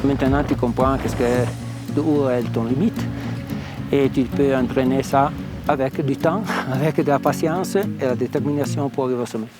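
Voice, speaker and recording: A man's voice: mid-range voice, fairly even intonation, normal speed. A man whose first language is not French, speaking as a climbing mentor in an interview and giving frank advice in simple phrasing. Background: loud music.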